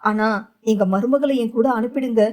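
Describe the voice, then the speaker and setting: A woman's voice: on the high side, fairly even intonation, normal speed, warm tone, close to an everyday voice. A woman voicing a scheming, pushy middle-aged mother-in-law in an audio novel, pleading emotionally. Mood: coaxing.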